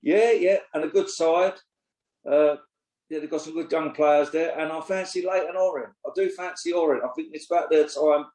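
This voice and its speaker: This football podcast co-host and pundit, a man in his 60s, chats casually and bluntly, full of opinions and free with swearing. He speaks at normal speed in a slightly high voice, fairly even in intonation and darkish in tone. The room gives the recording a noticeable echo.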